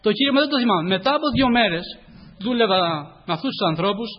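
A man giving a testimony sermon in church, often thanking the Lord and calling listeners brothers, with halting, self-correcting phrasing. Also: high-pitched, lively intonation, muffled recording.

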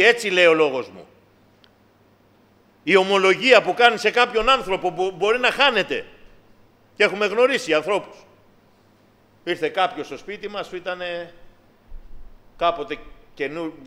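A middle-aged man preaching a fervent testimony sermon, calling his listeners brothers and sisters and building to loud, passionate preaching. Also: on the high side. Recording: long hall reverb.

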